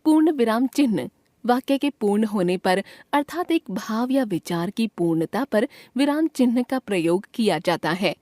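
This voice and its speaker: A woman reading a grammar lesson aloud from a textbook in a clear, measured way, voicing the example sentences with expression. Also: a little high, lively intonation, dark tone, dry recording, studio quality.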